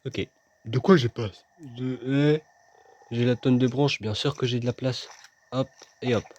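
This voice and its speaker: This is casual let's-play commentary from a male gaming host who jokes around and talks to himself and his audience as he plays. He speaks at a medium pitch with a somewhat dark tone.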